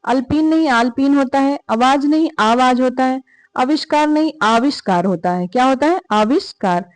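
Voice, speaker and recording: A woman's voice: high-pitched, moderate pace, no room sound. A woman teaching an exam prep lesson, repeating each answer and quizzing her listeners aloud. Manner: repetitive, drilling questions and answers aloud.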